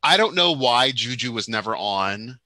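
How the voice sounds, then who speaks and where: A man co-hosting a casual chat, rambling and animated, full of restarts and asides. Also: mid-range voice, normal speed, dry recording. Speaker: podcast co-host. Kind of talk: casual chat about Japanese pop music.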